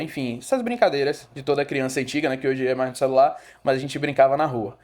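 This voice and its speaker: Chatting casually on a podcast, a young Rio de Janeiro photographer recounts his story with fillers and self-corrections. He speaks at medium pitch with a Bahian Brazilian Portuguese accent.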